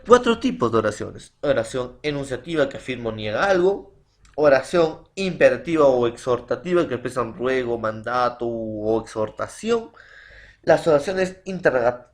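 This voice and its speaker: A man from Peru teaching a secondary school grammar lesson, repeating definitions and calling his students "jóvenes" with frequent "pues" and "ya". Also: medium pitch.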